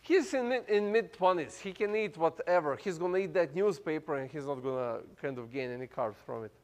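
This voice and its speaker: This fairly high-pitched man talks at a fairly quick clip while preaching as a pastor. He's in his thirties, English isn't his first language, and his foreign accent colors a loose, conversational sermon packed with fillers, restarts and easy laughter.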